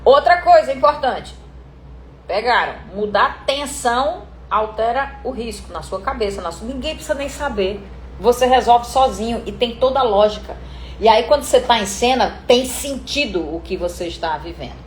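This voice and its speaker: A middle-aged woman teaches acting in a lively, hands-on way, breaking into little acted scenes and tossing in casual swearing. Her voice sits a little high. The room sounds echoey, with faint noise in the background. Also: normal speed. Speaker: acting coach. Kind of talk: live teaching talk on voice acting. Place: room indoors, live stream.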